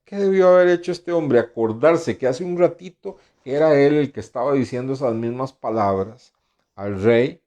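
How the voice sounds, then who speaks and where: A male pastor with a mid-range, dark-toned voice preaches a sermon at normal speed, reading scripture aloud and commenting between verses. He addresses listeners as brothers and keeps tagging his questions with "¿verdad?".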